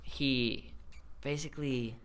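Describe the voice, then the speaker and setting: A young man, a semi-pro footballer and vlogger, telling a story as a guest in casual chat, animated and quoting people as he goes. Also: medium pitch, slight background noise. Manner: fast, animated, acts out quotes, lots of "like".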